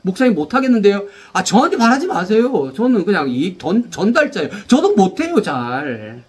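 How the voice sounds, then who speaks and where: A man preaching a sermon as pastor, animated, repeating phrases and leading the congregation in call-and-response. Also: sits high, moderate pace.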